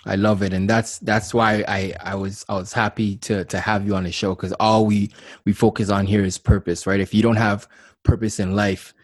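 A Canadian podcast host chats casually with a guest in an interview, affirming what the guest says and often repeating words. His voice is lowish with a flat delivery and moderate pace. The recording is dry and studio quality.

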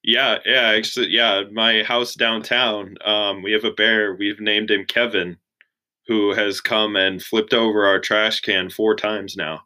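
A young man in his twenties chatting casually as an interview guest, relaxed and full of "like" fillers. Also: lowish voice, measured pace, poor audio. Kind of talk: casual chat.

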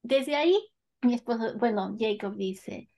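A woman telling a personal story in an animated, casual way, laughing as she goes. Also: fairly high pitch, a little slow, creaky. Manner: animated, lively, laughs between phrases.

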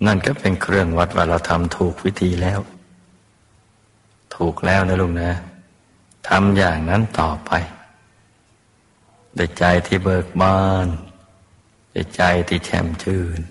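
A man, a Buddhist teacher, gently guiding a meditation and calling his listeners his children. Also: low-pitched, level tone, unhurried, pauses often. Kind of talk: guided meditation sermon. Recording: long hall reverb.

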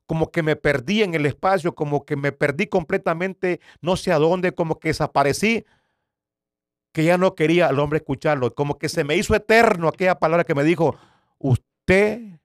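A man in his fifties, an evangelist pastor, giving a personal faith testimony with dramatic storytelling, repeating words and swinging from loud bursts to hushed near-whispers. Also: a little high, a little fast, dry recording, studio quality.

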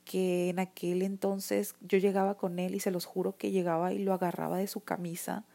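This Mexican-accented woman has a fairly low, gravelly, warm voice, delivered flatly at a moderate pace. She's a vlogger giving personal testimony to camera, earnest and emotional, often restarting sentences and leaning on "o sea."

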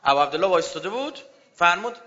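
A man preaching a fervent religious sermon to a gathering, swinging between loud outbursts and hushed low passages. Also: animated, highs cut off.

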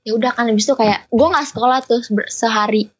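A woman's voice: a little high, fast talker, husky, highs cut off. A young woman, a podcast guest telling a story casually and acting out what people said. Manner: chatty, recounts with quoted dialogue.

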